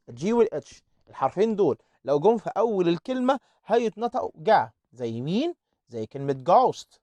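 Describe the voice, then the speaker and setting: A man with an Egyptian Arabic accent teaching an online English lesson, repeating words slowly to drill their pronunciation. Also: high-pitched, darkish tone, no echo.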